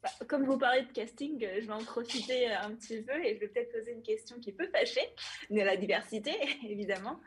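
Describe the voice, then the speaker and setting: A woman interviewing a series creator, asking measured questions. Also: fairly high pitch, a little hiss or hum.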